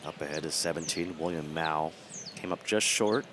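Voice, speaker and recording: A man's voice: very deep voice, moderate pace, background noise. A man hosting live golf coverage as a commentator.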